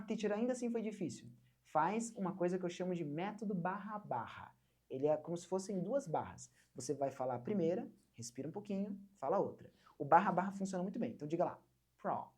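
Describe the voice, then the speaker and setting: A young woman from Brazil teaching an online English lesson, patiently repeating words slowly for learners to copy. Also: lowish voice, a little mellow, breathy edge.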